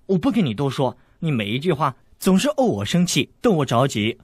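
A man's voice: a little high, sing-song, a little fast, husky, no room sound, studio quality. A man voicing a shy young swordswoman who speaks bashfully and gets flustered. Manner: bashful, stammering.

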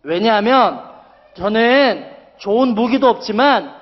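A man's voice: high voice, lively intonation, unhurried, big-room sound, dull audio. A man voicing a brave young shepherd boy in a children's Bible story. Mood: determined.

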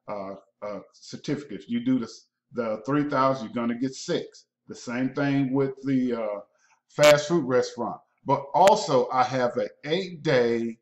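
A man giving a sales pitch over a screen recording, pushy and repetitive, checking in with "okay?" again and again. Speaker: mail-order program promoter. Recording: roomy, dull lo-fi sound.

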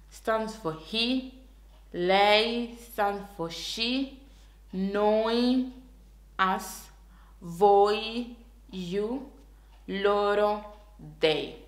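A woman's voice: mid-range voice, roomy sound. A woman teaching a beginner language lesson, carefully repeating each word.

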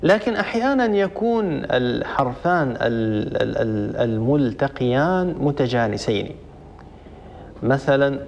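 Gravelly man teaching tajweed. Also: medium pitch, expressive, a little mellow, a little hiss or hum. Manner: slow repetition of examples, many restarts. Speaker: Quran recitation teacher. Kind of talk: explaining tajweed rules. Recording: dull lo-fi recording.

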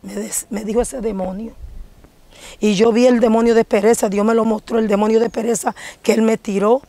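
A woman's voice: a little high, little pitch movement, brisk, mellow, no room sound. A woman giving a fervent religious testimony, emphatically declaring rebukes in a raised preaching voice. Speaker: church testimony giver.

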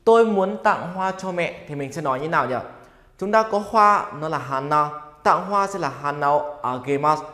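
A man's voice: on the high side, animated, normal speed, bright, forceful tone. Upbeat male teacher in an echoey room. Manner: upbeat, asks students questions and has them repeat. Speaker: Japanese language teacher. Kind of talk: grammar lesson for Vietnamese learners. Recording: echoey room with long reverb.

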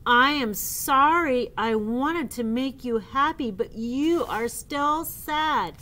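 An eager little pig chirps along in a storybook read-aloud, as a woman puts her on. The voice is high and bright with excitement. She speaks slowly and cheerfully. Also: slight background noise, heavily acted.

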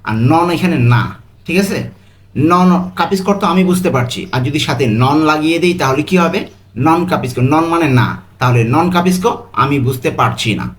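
A man teaching a quiz-style language lesson, repeating each phrase and saying the foreign words very slowly and carefully. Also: mid-range voice.

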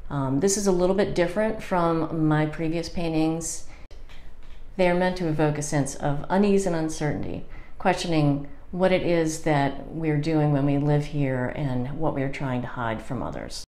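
A woman in her fifties, a painter introducing her work in a measured, explanatory way with small fillers, recorded by a camera a few feet away in her home studio. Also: low-pitched, dark tone. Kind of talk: scripted artist introduction. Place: home art studio, indoors. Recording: echoey room.

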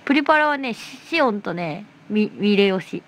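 A woman's voice: mid-range voice, expressive, fairly quick, fairly bright tone. A woman hosting a casual livestream from her phone, reading viewer comments aloud and answering with playful, teasing replies. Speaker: livestream host.

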